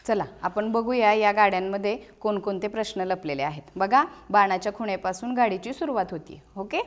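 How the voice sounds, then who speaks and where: A woman's voice: mid-range voice, normal speed. A woman teacher with a Marathi accent walks a pupil through a classroom teaching aid. She speaks patiently and coaxingly, asking one question after another and echoing each answer back.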